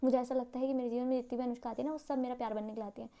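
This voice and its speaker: Brief: woman playing a cocky teen boy, a high voice taken lower, dark and mellow, talking fast. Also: fairly even intonation, close to an everyday voice. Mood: boastful.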